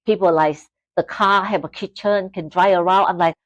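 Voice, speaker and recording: A woman's voice: fairly low pitch, steady tone, moderate pace, no room sound, muffled recording. A Malaysian woman in her fifties whose first language is Chinese, a guest telling her life story in broken, simple English and laughing often. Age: 50s. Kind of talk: casual interview storytelling.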